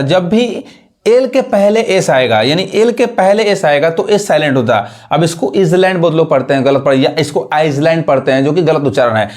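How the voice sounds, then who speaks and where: A man teaching English pronunciation, who repeats example words and keeps checking whether learners follow. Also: on the high side. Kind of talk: classroom lesson.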